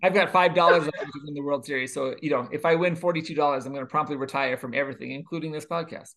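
A man's voice: on the high side, fairly even intonation, fast talker, fairly bright tone. A man hosting a casual podcast chat, joking with co-hosts and reading a sponsor plug. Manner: jokey, reads ad plugs. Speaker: podcast host.

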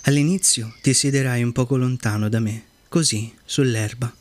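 A man voicing a wise, lonely female fox who explains things slowly and earnestly in a storybook reading. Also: medium pitch, fairly even intonation, lightly acted.

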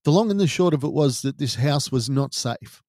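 A middle-aged Australian man hosting a podcast, telling his own story gravely and deliberately, like a true crime narrator. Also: medium pitch, expressive, a little mellow, no room sound, studio quality. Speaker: podcast host.

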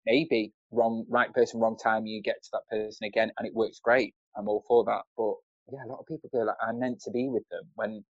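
A man's voice: lowish voice, level tone, a little fast, few pauses, no room sound, highs cut off. A man chatting thoughtfully as a podcast guest over a video call, laughing easily.

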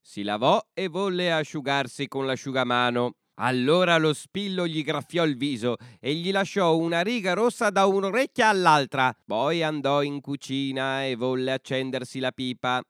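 A man narrating a traditional fairy tale for a bedtime podcast in an expressive storytelling manner. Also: on the high side, moderate pace, few pauses, clear, resonant tone, no room sound, clean studio sound.

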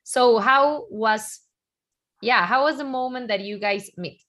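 Friendly woman interviewer, halting phrasing. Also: a little high, a bit bright. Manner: friendly, halting, many fillers. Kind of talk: casual interview.

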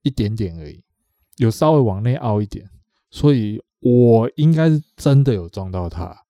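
A man with a Taiwanese Mandarin accent co-hosts a podcast, spinning a rambling story in casual chat, repeating himself and acting out what other people said. His voice is fairly low and dark, animated, at a normal speed, and the recording is dry.

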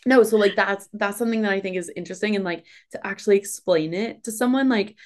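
A woman's voice: mid-range voice, quick pace. A woman hosting a podcast, talking animatedly, saying "like" constantly and acting out her own reactions. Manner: animated, says "like" constantly, acts out quoted reactions. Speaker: podcast host. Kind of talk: casual podcast conversation.

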